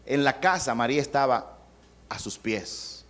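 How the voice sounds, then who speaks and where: A man's voice: mid-range voice, expressive, a little slow, a bit bright. A middle-aged male pastor preaching a sermon in a conversational way, acting out quotes and adding humor.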